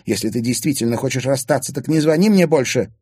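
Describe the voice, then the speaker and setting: A man's voice: medium pitch, fast talker, mellow, breathy edge, dry recording, clean studio sound, pitched above the performer's own voice, close to an everyday voice. A man reading an audiobook, voicing an arrogant, charming young man who talks in a smug, teasing way. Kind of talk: audiobook character voice.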